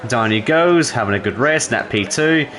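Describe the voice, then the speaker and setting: A man's voice: mid-range voice, animated, moderate pace, fairly bright tone. A man commentating sim racing, analysing strategy with dry humour. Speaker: race commentator.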